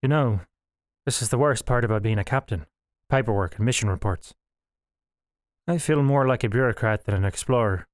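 A man's voice: medium pitch, brisk, long pauses, no room sound, natural voice. A man voicing a tired male starship captain who scoffs with dry humor. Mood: weary. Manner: weary, scoffing.

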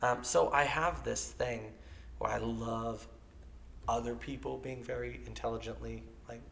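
A man talking as a podcast guest in an animated casual chat, his voice dropping at times to near whispers. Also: medium pitch, a little slow, gravelly, a little hiss or hum.

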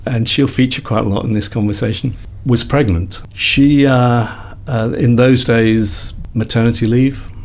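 A man's voice: medium pitch, fairly even intonation, measured pace, few pauses, a little mellow. A man in his sixties from Liverpool, a psychologist guest telling his career story in a reflective, rambling way with many self-corrections. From Liverpool, England. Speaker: guest, company founder and psychologist. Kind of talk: casual interview conversation.

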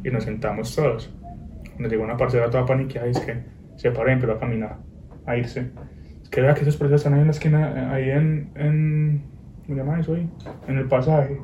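A young man, telling an animated story in casual chat, full of slang. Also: fast talker, roomy sound, dull audio. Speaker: guest. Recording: noisy low-quality recording.

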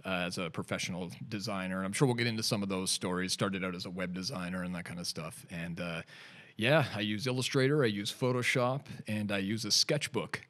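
Speaking low and fairly quickly with a fairly bright tone, a Canadian-accented man in his forties rambles in a laid-back way as a podcast guest. He's a digital artist, and this casual studio chat is full of fillers and restarts.

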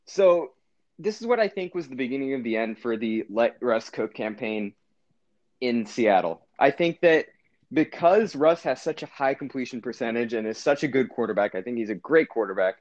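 A man's voice: medium pitch, moderate pace. Guy on a sports podcast, rambling and restarting a lot, kinda dull lo-fi sound. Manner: rambling, self-correcting, animated. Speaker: podcast co-host. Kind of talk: casual sports podcast chat.

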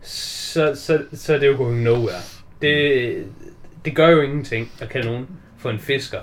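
Animated man acting out film scenes. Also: medium pitch, a little hiss or hum. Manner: animated, acts out scenes in lively quoted voices, swears freely. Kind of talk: casual podcast chat about a film.

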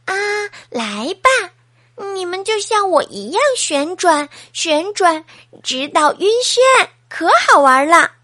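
A woman voicing a small, cheerful boy hedgehog who loves to dance, in a gentle, musing way for a children's storybook. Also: very high-pitched, slow pace, dry recording, clean studio sound, pitched above the performer's own voice, full character voice. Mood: dreamy.

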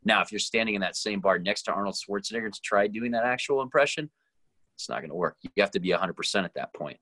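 A man's voice: on the low side, animated, fast, sharp tone, dry recording. A man co-hosting a casual podcast, talking in loose, rambling stretches. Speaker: podcast co-host. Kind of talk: casual chat.

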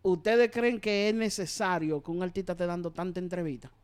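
Man, podcast host, high voice, halting restarts, loose banter. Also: smooth. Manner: steers the talk with questions, stammers on starts. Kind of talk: casual chat.

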